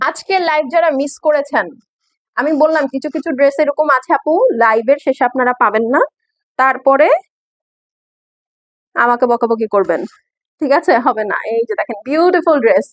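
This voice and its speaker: Woman, Bangladeshi accent, live-stream clothing seller, high voice, dry close sound, coaxing chatter. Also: animated, normal speed, pauses often, no echo. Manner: chatty, coaxing, mixes in English phrases.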